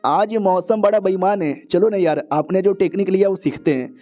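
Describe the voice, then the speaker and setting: A man's voice: sits high, moderate pace, dark tone, close to an everyday voice. A man voicing an evasive young woman adventurer. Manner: dodges questions, changes the subject.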